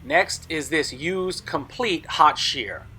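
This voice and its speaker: A man's voice: fairly high pitch, slow, pushed and bright, slight background noise. A man narrating a product showcase as a video host, explaining details in a matter-of-fact way. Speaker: blacksmith video host selling tools.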